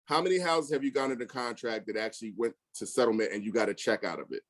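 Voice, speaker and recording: A real estate investor tells stories casually and bluntly, packed with slang and emphasis, acting out past conversations in quotes. His voice is medium-pitched and he talks fast.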